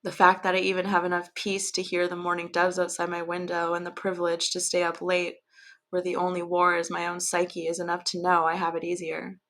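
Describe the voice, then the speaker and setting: A woman's voice: on the low side, vocal fry, a bit bright. A woman podcaster chatting casually and then reading her own poem aloud, with a self-deprecating manner. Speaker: podcast host and poet. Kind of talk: casual chat and poetry reading.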